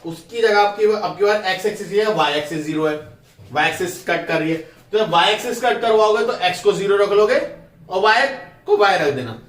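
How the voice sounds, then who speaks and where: A man teaching a school math lesson, explaining step by step and quizzing his students with quick questions. He reads terms. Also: high voice, expressive, a bit bright, reverberant, distant mic.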